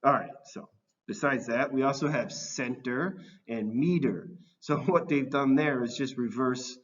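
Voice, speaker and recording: A relaxed American teacher walks through spellings at an unhurried, slow pace. His explanatory delivery stays even and patient. The recording sounds dull and lo-fi. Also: mid-range voice. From United States. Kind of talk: educational video narration.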